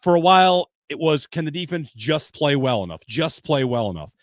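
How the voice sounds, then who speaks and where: A man hosting a football podcast in casual chat, his voice sitting a touch high and close to the mic with a dry, dead sound. He leads the talk, rattles off stats and tosses in plenty of easygoing fillers. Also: big pitch swings, normal speed, no echo. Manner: stat-heavy, loose and chatty, leads the discussion. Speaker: sports podcast host.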